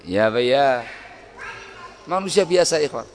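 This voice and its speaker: A middle-aged man preaching a sermon on family life, lively, acting out home scenes in sudden loud voices. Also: mid-range voice, unhurried. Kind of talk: Islamic sermon.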